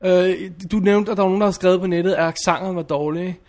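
A man's voice: high-pitched, steady tone, darkish tone. A man reviewing a film in casual chat, blunt and opinionated, often restarting his sentences.

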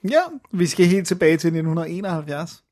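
A man's voice: on the high side, steady tone, a little mellow. A man co-hosting a casual film podcast, explaining plots at length and a bit hesitantly. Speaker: podcast co-host. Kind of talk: casual film-review chat.

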